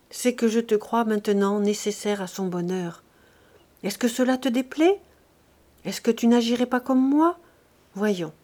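A woman reading an audiobook, voicing a gentle, motherly young woman who coaxes her friend tenderly. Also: fairly high pitch, natural voice. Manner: coaxing and tender.

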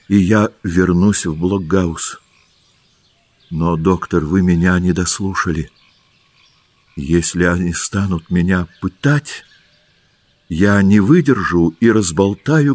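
A man narrating an audiobook in the first person, calm and unhurried. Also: low-pitched, no room sound.

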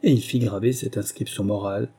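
Dark, husky male storyteller. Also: on the low side, fairly even intonation, fairly quick. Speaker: audiobook narrator. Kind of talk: storybook narration.

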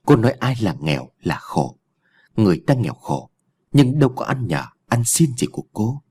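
Guy doing an indignant young man in an audio story, defensive, low husky voice. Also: big pitch swings, moderate pace, dark tone, heavily acted.

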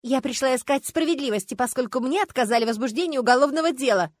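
A woman voicing a haughty, indignant rich lady who speaks shrilly and loudly in an audiobook. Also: high-pitched, quick pace, no room sound, clean studio sound, pitched above the performer's own voice. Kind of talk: audiobook character voice.

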